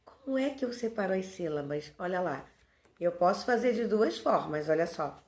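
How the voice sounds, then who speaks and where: A woman's voice: fairly low pitch, animated, moderate pace, darkish tone. A woman with a Brazilian Portuguese accent, a primary school teacher giving a recorded review lesson for young children, patiently asking questions and answering them herself. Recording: echoey room.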